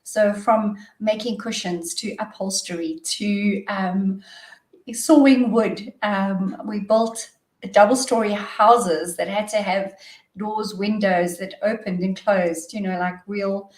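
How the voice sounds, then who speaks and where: A middle-aged woman with a South African accent, a wellness coach telling stories as a podcast guest, cheerful and quick to laugh. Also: mid-range voice, steady tone, reverberant, far from the mic. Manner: cheerful, laughs often, warm storytelling. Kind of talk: podcast interview.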